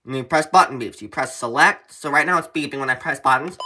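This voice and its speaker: This tutorial presenter talks fast in a medium-pitched male voice that sounds pushed and bright, with a little noise behind him. His how-to narration is informal and step by step, plain and repetitive in its explaining.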